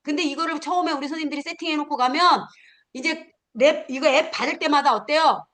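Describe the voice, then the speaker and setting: A middle-aged woman teaching a class of future smartphone instructors, animated, acting out learners and firing off questions. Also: high voice, quick pace. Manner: animated, acts out learners and scolding, punchy questions. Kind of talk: lively classroom lecture.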